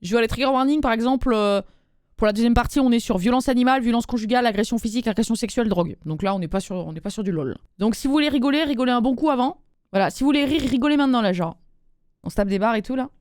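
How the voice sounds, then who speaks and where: A woman's voice: a little high, very fast, darkish tone, dry recording, studio quality. A young woman hosting a casual advice podcast, talking in loose slang and laughing easily. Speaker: podcast host giving love advice. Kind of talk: casual group podcast chat.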